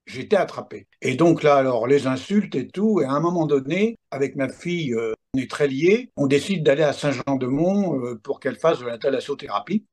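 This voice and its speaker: Recounting his paranormal experiences for an interview, a man in his seventies stresses his points and drops in little asides such as "hein, attention". He speaks at medium pitch and normal speed, animated, with a darkish tone.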